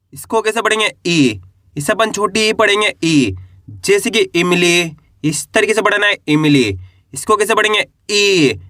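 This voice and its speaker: A man teaching the Hindi alphabet, asking the learner to repeat each sound and drawing the syllables out slowly. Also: high voice, bright, forceful tone, dry recording, studio quality. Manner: stretches vowels and syllables in drawn-out teaching pronunciation. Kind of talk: alphabet lesson with call-and-response drills.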